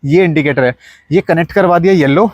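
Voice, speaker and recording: A man's voice: fairly high pitch, fairly quick, no echo, highs cut off. A young man with an Indian accent giving a casual, chatty walkaround of his modified car, pointing things out as he goes. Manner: chatty, mixes Hindi and English, points things out.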